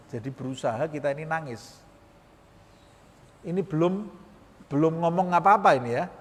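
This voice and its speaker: A man's voice: a little high, slight background noise. A male Islamic teacher giving a religious study lesson in a mosque, reading Arabic phrases and explaining them, often posing rhetorical questions. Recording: reverberant mosque hall.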